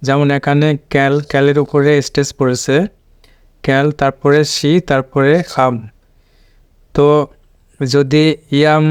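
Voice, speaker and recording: Man drilling English syllables, flat even voice. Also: mid-range voice, clear, resonant tone, no echo, clean studio sound. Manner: slow, repeats and drills words syllable by syllable. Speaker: English pronunciation teacher. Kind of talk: explaining a pronunciation lesson.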